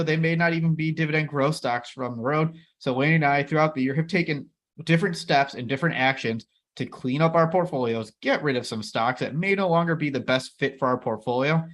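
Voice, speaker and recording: A man's voice: medium pitch, fairly bright tone. A man in his thirties co-hosting an investing chat, upbeat and joking as he rambles. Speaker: co-host of a dividend investing channel. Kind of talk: casual chat.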